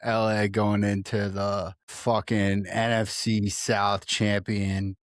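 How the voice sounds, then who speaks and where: Host: man, low voice, loose and profane, dry close mic. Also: level tone, slow, no room sound. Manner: steers the talk, casual cursing. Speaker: podcast host. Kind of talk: casual podcast chat.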